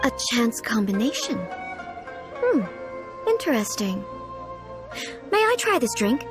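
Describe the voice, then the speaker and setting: A woman voicing an almighty female ruler in a video game, formal, measured and aloof yet curious. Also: a little high, sing-song. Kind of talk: scripted video game dialogue. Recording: background music under the voice.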